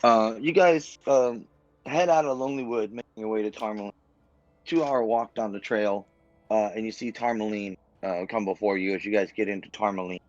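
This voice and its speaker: Laid-back lower-voiced male game master. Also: brisk, highs cut off, soft background music. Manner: laid-back, swears and says "bro". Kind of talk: narrating a tabletop game, casual chat. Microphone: streaming mic.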